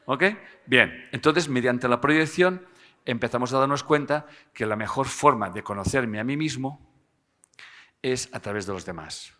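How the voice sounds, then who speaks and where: A man gives a live talk to an audience, animated and joking, often tagging his sentences with a questioning "eh?". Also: mid-range voice, a little slow. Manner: animated, tags phrases with "¿eh?" and jokes with the audience. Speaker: speaker giving a seminar.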